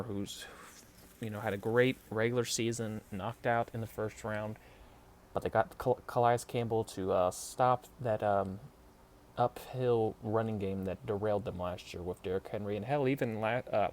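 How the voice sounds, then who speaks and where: A man's voice: fairly low pitch, slight background noise. A man with a New York accent hosting a podcast and chatting casually about football picks, with many fillers and restarts. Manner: halting, lots of fillers and restarts. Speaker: podcast host. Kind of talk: casual sports predictions chat.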